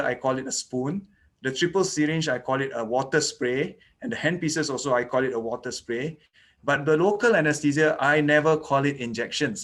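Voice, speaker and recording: The speaker is a man, a native Malay speaker, whose voice is mid-range and a bit bright. Recorded indoors, his online lecture on kids' dental care proceeds step by step, full of "okay" and "you know."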